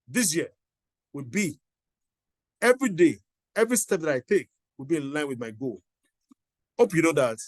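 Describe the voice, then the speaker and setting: A man's voice: fairly high pitch, no echo. A middle-aged man giving a motivational teaching talk, emphatic and repeating his exhortations. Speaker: motivational coach.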